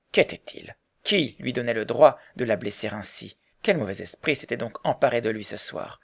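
Gravelly male audiobook narrator. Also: medium pitch. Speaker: audiobook reader. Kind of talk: scripted narration.

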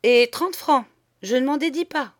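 A woman voicing a boastful, blustering middle-aged man, the master of the house, who talks loudly and swears freely. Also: very high voice, measured pace, pitched above the performer's own voice. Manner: loud, swaggering, swears freely.

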